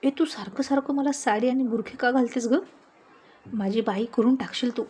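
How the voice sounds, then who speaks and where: A woman's voice: on the high side, moderate pace, dark tone, a little hiss or hum, lightly acted. A woman voicing a shy young man who is flustered and complaining.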